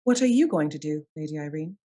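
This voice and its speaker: A woman's voice: deep voice, lively intonation, fast talker, warm tone. A woman playing a shrewd, assured lady detective in a period radio mystery, speaking formally and articulately as she sets out her case. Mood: brisk, assured. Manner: articulate, formal, methodical accusing delivery. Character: shrewd, composed lady detective of Scotland Yard, commanding and assured.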